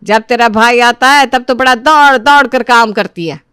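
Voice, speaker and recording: A woman voicing a nagging, sharp-tongued older mother-in-law who scolds and taunts. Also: mid-range voice, expressive, a little slow, no echo, studio quality, natural voice. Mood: scolding.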